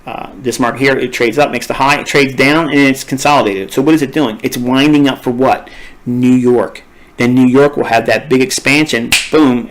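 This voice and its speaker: A man's voice: medium pitch, low-quality recording. Man with a worn-out voice teaching trading. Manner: emphatic, repetitive, digressive. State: tired, losing his voice. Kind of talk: recorded screen-share lesson.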